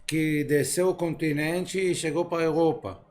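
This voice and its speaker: A man's voice: a little high, fairly even intonation, measured pace, a little mellow. A man born in Israel, a guest philosopher speaking casually in an interview, hesitant and full of fillers as he searches for words in a language that is not his first. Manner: hesitant, filler-heavy, broken Portuguese. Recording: faint background noise.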